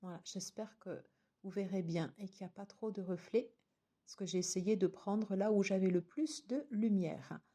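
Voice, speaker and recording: A woman's voice: mid-range voice, moderate pace, dark tone. A woman casually reviewing a tarot deck and its guidebook, chatty, with many fillers and restarts.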